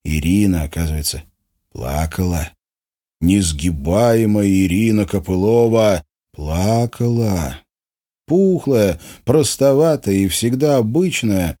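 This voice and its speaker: A man narrating an audiobook in a wry, expressive way. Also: on the low side, takes it slowly, husky.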